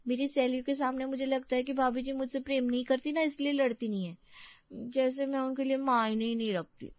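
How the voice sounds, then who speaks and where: A woman's voice: sits high, steady tone, fairly quick, dry recording, muffled recording, close to an everyday voice. A woman voicing Sunita, a young sulky sister-in-law who whines and demands attention, in a cartoon story. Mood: pleading. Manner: whiny, demanding. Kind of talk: cartoon voice acting.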